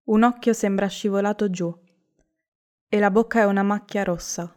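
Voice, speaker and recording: A woman poet reading her own poem in a measured, reflective way. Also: medium pitch, steady tone, a little mellow. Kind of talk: poetry reading.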